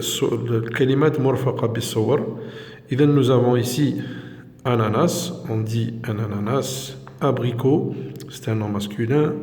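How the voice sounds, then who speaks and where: Slow, deliberate male teacher. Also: medium pitch, darkish tone. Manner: slow, deliberate, repeats each word with its article. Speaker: language teacher. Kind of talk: vocabulary lesson, word-by-word pronunciation drill. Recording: echoey room with long reverb.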